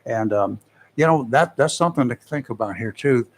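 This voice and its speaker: Man, radio talk host, folksy, mid-pitched, studio mic. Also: lively intonation, moderate pace. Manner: folksy, adds joking asides while reading. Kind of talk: casual radio talk and read-out segment.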